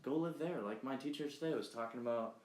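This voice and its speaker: A man's voice: mid-range voice, fast talker, a little mellow. A young man co-hosting a podcast, talking politics in a blunt, heated way and swearing freely. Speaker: podcast co-host. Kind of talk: casual political chat. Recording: echoey room.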